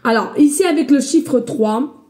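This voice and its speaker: Woman psychic vlogger, slight accent, loud and mellow, chatty with lots of fillers. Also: high-pitched, unhurried. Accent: a slight accent she mentions. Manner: loud voice, by her own account; chatty, hesitant, addresses viewers as friends. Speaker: psychic medium giving a reading. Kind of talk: casual spiritual guidance vlog.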